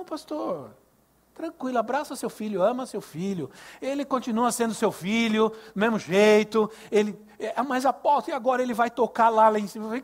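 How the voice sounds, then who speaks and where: An older man with a Brazilian Portuguese accent, preaching a sermon at a youth service, telling stories and asking the congregation questions. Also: very high voice. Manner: animated, acts out dialogue, asks the congregation questions. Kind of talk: sermon with storytelling.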